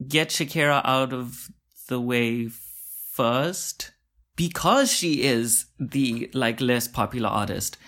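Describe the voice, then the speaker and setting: A young man with a medium-pitched, fairly bright voice hosts his own podcast. It's a casual solo monologue in which he rambles in a chatty, self-mocking way, full of asides.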